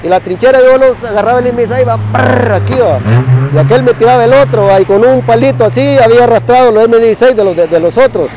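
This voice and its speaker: High-voiced Salvadoran man telling a war story. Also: quick pace, noisy background. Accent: Salvadoran Spanish. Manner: tags nearly every phrase with "va", mimics gunshots. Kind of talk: casual spoken storytelling.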